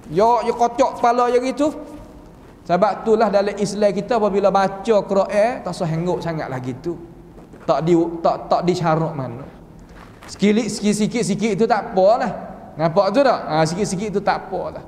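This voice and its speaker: A man with a Kelantan-Patani Malay accent giving a Quran commentary lesson as a religious teacher, folksy and full of rhetorical questions. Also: very high voice. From southern Thailand (Patani). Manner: folksy, asks rhetorical questions, acts out quoted voices. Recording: long reverb of a large hall.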